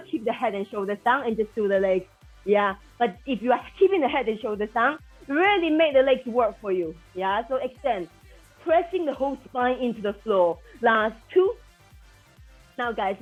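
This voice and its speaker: A woman working as an aerobics instructor, calling out counts and commands to a floor workout class in an encouraging, motivating way. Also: high-pitched. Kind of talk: counted exercise cueing to a class. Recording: dull lo-fi sound with music behind.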